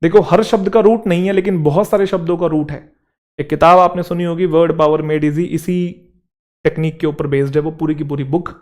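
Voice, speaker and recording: A man's voice: on the high side, fairly even intonation, a little fast, a little mellow. A man, teaching an English vocabulary lesson for exam students in Hindi mixed with English words, checking that his students follow along.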